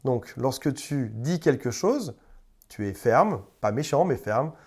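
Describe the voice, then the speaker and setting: A man coaching his viewers directly, his voice sitting at an ordinary middle pitch. He talks informally and conversationally, repeating words as he goes and now and then slipping into short quoted exchanges. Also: expressive, slow pace, darkish tone, breathy edge. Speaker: relationship coach. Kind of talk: direct-to-camera coaching advice.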